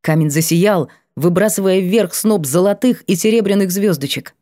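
A woman narrating an audiobook in a calm, measured way. Her voice sits low and sounds mellow, and the recording is dry and close to the mic. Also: no echo.

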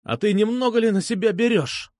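A man's voice: animated, normal speed, no room sound, clean studio sound. A man voicing an arrogant, whiny male blogger who blusters and threatens in an audiobook. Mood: defiant. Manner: shrill, blustering, indignant. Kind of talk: audiobook character voice.

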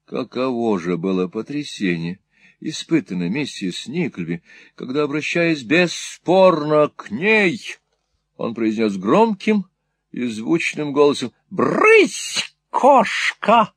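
A man narrating a classic novel in an expressive, theatrical storytelling way. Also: medium pitch, unhurried, no echo. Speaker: audiobook narrator.

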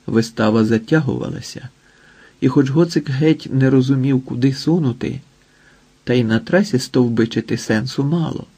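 A man narrating a literary novel as an audiobook reader, in a steady storytelling manner. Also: mid-range voice, moderate pace, slightly rough.

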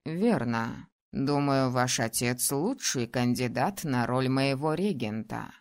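A woman voicing a young male ruler in an audiobook, teasing and domineering, speaking low, slow and calm. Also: exaggerated voice. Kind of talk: audiobook character voice.

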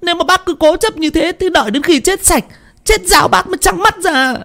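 A man voicing a worried middle-aged village woman, speaking in a high falsetto and scolding. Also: animated, fairly quick, vocal fry, bright, forceful tone, full character voice.

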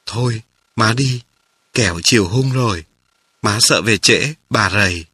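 A man voicing a gentle, sorrowful mother in a memoir reading, speaking softly and slowly. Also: medium pitch, breathy edge, no room sound. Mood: tender.

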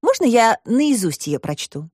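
A bold, inventive little girl from a storybook, speaking in a high, eager voice that leaps around. A woman reader puts her on. The sound is close and dry. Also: big pitch swings, measured pace, darkish tone, dry recording. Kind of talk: audiobook reading.

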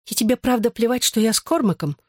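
A woman's voice: fairly high pitch, animated, fast, a little mellow, no echo, studio quality, voice pushed up. Reader putting on a spiteful, whining ex-girlfriend. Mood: pleading, spiteful. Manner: whining, snapping and pleading. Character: young woman, jealous, pushy and spiteful ex-girlfriend. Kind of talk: audiobook character voice.

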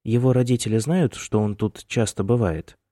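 A man's voice: on the low side, normal speed, warm tone, no room sound, clean studio sound, natural voice. A man reading the part of a fussy, disapproving middle-aged mother, in a nagging, reproachful manner.

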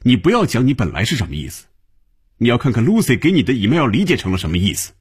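Brief: man doing a gruff office boss, husky, scolding, lively delivery. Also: on the low side, moderate pace. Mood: impatient. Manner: scolding, lecturing. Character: impatient male office manager, gruff.

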